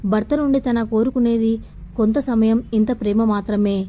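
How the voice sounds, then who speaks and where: A woman voicing a patient, kind middle-aged husband who speaks softly and consolingly in an audio story. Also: a little high, steady tone, normal speed, lightly acted. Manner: soft, consoling and explanatory.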